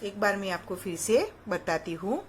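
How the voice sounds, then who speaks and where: A woman's voice: mid-range voice, animated, moderate pace, slight background noise. A woman teacher giving a patient phonics lesson to young children, sounding out each syllable and asking them questions. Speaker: primary school teacher.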